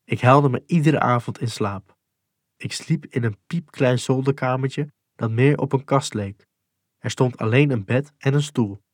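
A man calmly reading a first-person memoir in a measured, sober way. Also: mid-range voice, dry recording, clean studio sound. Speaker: narrator. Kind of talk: scripted memoir narration.

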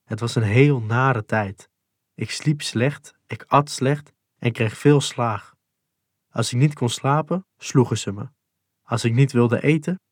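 A man calmly reading a first-person memoir in a measured, sober way. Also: medium pitch, dry recording, clean studio sound. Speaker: narrator. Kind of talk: scripted memoir narration.

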